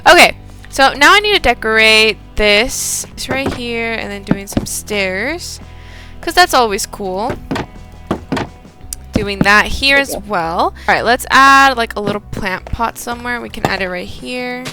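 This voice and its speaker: A woman hosting a gaming video, excitably thinking aloud in casual commentary as she builds. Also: on the high side, measured pace, over music.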